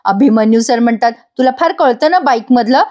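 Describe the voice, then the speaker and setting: A woman's voice: a little high, lively intonation, brisk, darkish tone. A woman, chattily retelling a TV serial episode to viewers, acting out the characters' lines and laughing often. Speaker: serial recap narrator.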